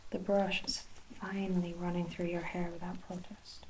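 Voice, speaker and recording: A woman with an Irish accent in a soft ASMR role-play, playing a gentle, attentive hair sorcerer with old-fashioned storybook phrasing. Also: fairly low pitch, level tone, moderate pace, a little hiss or hum, rough recording. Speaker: ASMR performer.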